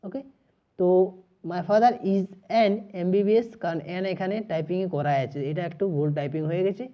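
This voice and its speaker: A woman teaching an exam-prep grammar lesson, explaining step by step, spelling out letters and repeating pronunciations, and slowing down to dictate example sentences. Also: fairly low pitch. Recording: slightly dull lo-fi audio.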